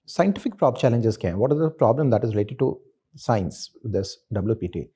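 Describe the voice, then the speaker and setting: Male Indian interviewer, soft-edged dark timbre with some rasp, insistent and probing. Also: lowish voice, lively intonation, fast. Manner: insistent, probing, repeats questions. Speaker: interview panellist. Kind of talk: interview questioning.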